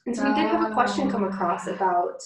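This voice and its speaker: A woman co-teaches the class, calmly explaining and encouraging. She is heard from a distance in an echoey room, at a mid pitch. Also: fast. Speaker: essential oils co-teacher. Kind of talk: instructive class chat. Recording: roomy, distant from the mic.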